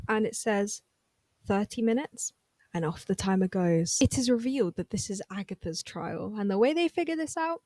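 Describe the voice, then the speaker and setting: Woman host, chatty TV recap, excitable asides, mid pitch, dry close sound. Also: dry recording. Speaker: recap vlogger. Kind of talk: casual TV recap chat.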